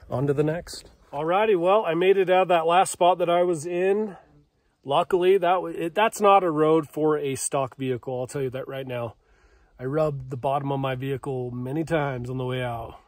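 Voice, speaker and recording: A man's voice: on the high side, a little mellow. A man vlogging outdoors by a mountain lake, talking to the camera in a wry, self-deprecating way. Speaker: fishing vlogger. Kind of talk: casual outdoor vlog narration.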